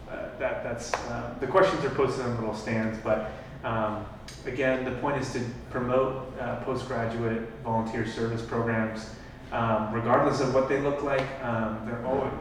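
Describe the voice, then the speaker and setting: In a large, echoey hall at a live event, a man organizing things makes loose announcements to the audience, filling them with many fillers. His mid-range voice comes from far off, carrying a slight hiss or hum.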